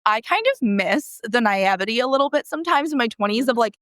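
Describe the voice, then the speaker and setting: In a relaxed interview, a San Diego therapist in her early thirties speaks with an American accent, her voice a little high and fairly bright. She talks expressively at a quick pace, wandering through her points, correcting herself and repeating things for emphasis.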